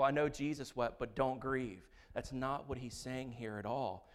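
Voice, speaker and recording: A male pastor delivering a sermon, earnest and emphatic. His voice sits at an ordinary middle pitch, and he leans into key phrases and repeats words to drive them home.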